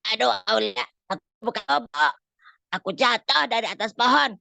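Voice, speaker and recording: A woman's voice: a little high, moderate pace, bright, forceful tone, no room sound, exaggerated voice. A woman voicing a lazy, teasing boy in a storytelling session for children, cheeky and whiny. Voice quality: gravelly. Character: naughty, lazy boy who teases others.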